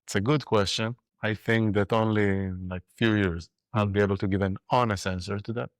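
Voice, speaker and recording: Low-voiced Israeli-accented man. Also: steady tone, brisk, dry recording, clean studio sound. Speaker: interview guest, army reserve medic. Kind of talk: personal account in a live interview.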